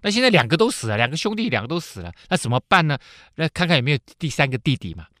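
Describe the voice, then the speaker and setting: Lively male Bible teacher. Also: fairly high pitch, racing, dry recording, studio quality. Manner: lively storytelling with frequent filler particles. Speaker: Bible teacher and radio host.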